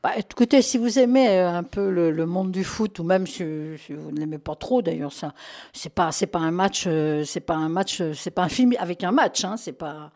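A woman's voice: lowish voice, moderate pace, a little mellow. A woman talking casually on a radio show about a film, chatty with many fillers and laughs.

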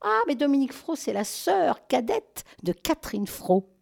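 A woman's voice: high voice, big pitch swings, moderate pace, gravelly. A woman hosting a casual chat about new films, chatty and affectionate toward her listeners, often stopping to correct herself. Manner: chatty, full of fillers and self-corrections. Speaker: host presenting film releases. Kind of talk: casual radio-style chat.

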